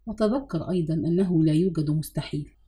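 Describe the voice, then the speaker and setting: A woman's voice: low-pitched, fast talker, mellow, pitched below the performer's own voice, close to an everyday voice. A woman reading a scheming, coaxing mother.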